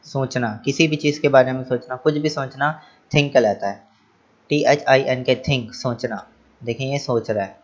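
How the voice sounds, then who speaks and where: A male teacher with a mid-pitched voice walks young pupils through English vocabulary. He spells each word out letter by letter, then repeats and translates it, often pausing to ask the class questions. The audio is dull and lo-fi, like a home-recorded online lesson. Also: fairly even intonation. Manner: asks rhetorical questions to the class. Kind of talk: explaining English vocabulary to children.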